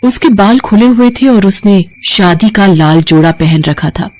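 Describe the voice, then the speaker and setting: Woman narrator, mid-pitch, steady dramatic scripted storytelling for animated horror. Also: unhurried, a little hiss or hum.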